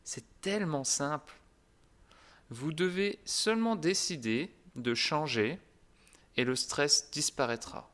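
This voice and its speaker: A man teaching a language lesson in a calm, deliberate, clearly articulated way. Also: fairly high pitch. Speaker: French teacher.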